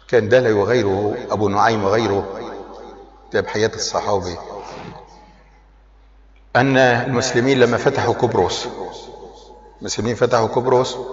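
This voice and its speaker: A man preaching a sermon to a congregation, pressing his points with rhetorical questions. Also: mid-range voice. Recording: echoey hall, lo-fi, crowd behind.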